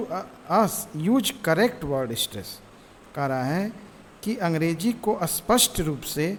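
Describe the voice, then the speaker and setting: A man teaching a lesson, reading English lines slowly word by word and explaining each one. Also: a little high. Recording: roomy reverb with faint noise.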